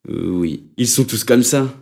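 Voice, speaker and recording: A man's voice: mid-range voice, expressive, vocal fry, darkish tone. A man voicing a distracted, hesitant older teacher in an audiobook reading. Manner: halting, hesitant.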